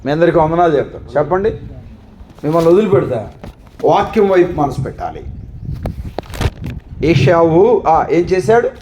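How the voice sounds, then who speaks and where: A man's voice: on the high side, expressive, moderate pace, pauses often, warm tone, a little hiss or hum, low-quality recording. A man pastor preaching a sermon into a microphone, with rhetorical questions and repeated lists. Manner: rhetorical questioning, repetitive listing. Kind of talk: Telugu sermon with congregation call-and-response.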